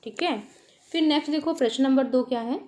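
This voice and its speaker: A woman's voice: high voice, fast talker, darkish tone. A woman teaching a children's worksheet lesson, asking and answering her own questions and spelling out words with careful pronunciation. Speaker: primary school teacher.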